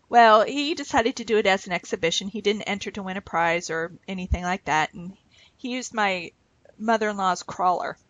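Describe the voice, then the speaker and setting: A woman's voice: mid-range voice, a bit bright. A woman crafting a scrapbook at home, chatting and rambling as she works and laughing easily. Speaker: craft vlogger. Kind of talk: casual chat while scrapbooking.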